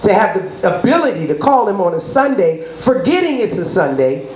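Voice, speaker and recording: Her voice is medium-pitched and darkish, with a sing-song lilt at a moderate pace. The middle-aged woman plays the radio personality in a promotional interview, boasting emphatically and repeatedly checking that listeners understand. Recorded with a roomy echo and noticeable background noise.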